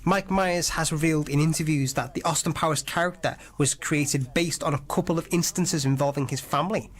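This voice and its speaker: A man's voice: on the high side, a little fast. Chatty man hosting a movie show. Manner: chatty, enthusiastic, jokey asides. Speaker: radio show host. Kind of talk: casual movie trivia chat.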